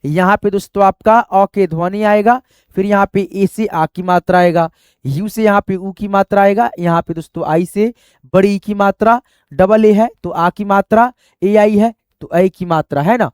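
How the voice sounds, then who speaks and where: A man's voice: high voice, normal speed, a little mellow, smooth, dry recording, clean studio sound. A man teaching a reading lesson, patiently repeating each step and addressing viewers as friends. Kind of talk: explaining a spelling lesson.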